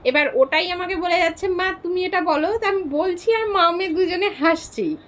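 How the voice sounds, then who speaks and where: A woman's voice: very high-pitched, moderate pace. A young mother hosting a playful tongue-twister challenge with her daughter, chatty and laughing, talking to her viewers as friends. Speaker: mother and channel host.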